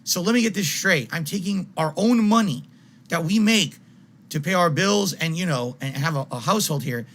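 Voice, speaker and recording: A man on a live stream in a wild, unhinged rant. His voice is forceful, sharp and somewhat high. He is exasperated and confrontational, hammering points over and over and swearing for emphasis. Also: moderate pace. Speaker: video game live streamer.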